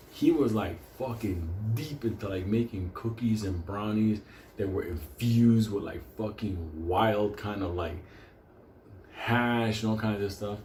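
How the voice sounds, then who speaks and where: Rambling, swearing heavily, and often cracking up, this host tells casual, profane comedic stories in a somewhat low, slightly mellow voice. He is a native Spanish speaker from Puerto Rico or a Puerto Rican community. The recording has a roomy echo with faint background noise.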